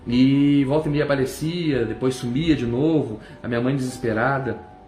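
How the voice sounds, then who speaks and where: A middle-aged man gives an impassioned church testimony, emphatic and full of cries of praise. His voice sits at an ordinary pitch for a man. It rings in an echoey room, with faint music underneath. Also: moderate pace, a little mellow. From southern Brazil. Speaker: testimony speaker.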